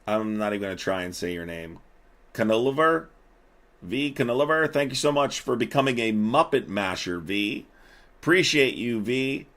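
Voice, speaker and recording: A man's voice: medium pitch, expressive, normal speed, a bit bright. A young man hosting a live stream, riffing profanely and animatedly, laughing as he talks. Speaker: streamer host. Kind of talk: casual live-stream commentary.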